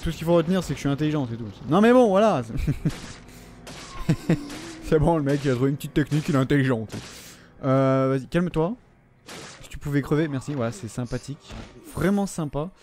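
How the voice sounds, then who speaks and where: Joking, swearing young French gamer. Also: male voice, fairly high pitch, fast, pauses often, a little mellow. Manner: joking, swearing, talks to the viewers and the game. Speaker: gaming commentator. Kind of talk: let's play commentary.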